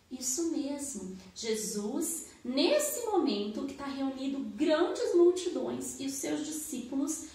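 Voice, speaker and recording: A woman who teaches at a children's church service. She tells a Bible story in a sing-song, coaxing way and keeps asking the children questions. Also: sits high. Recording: very echoey room.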